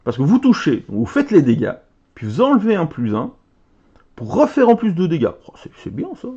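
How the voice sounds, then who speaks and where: An excitable, chatty man opening trading cards and reading their names aloud, his voice swooping up and down with animated pitch. The recording is muffled and lo-fi, like a simple home setup. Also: moderate pace, husky. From Belgium. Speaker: card game content creator. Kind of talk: casual card-opening commentary.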